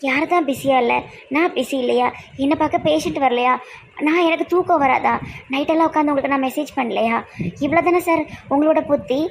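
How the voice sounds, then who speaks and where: High-voiced woman with a gravelly edge. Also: fairly quick, a little hiss or hum. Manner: hurt, scolding, tearful. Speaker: doctor in a comedy skit. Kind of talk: acted comedy skit.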